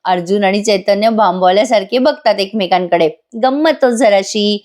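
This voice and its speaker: A woman's voice: medium pitch, moderate pace, a little mellow. A woman giving a chatty voice-over recap of a TV serial episode, talking straight to her viewers. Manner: chatty, amused, addresses viewers. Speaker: serial reviewer.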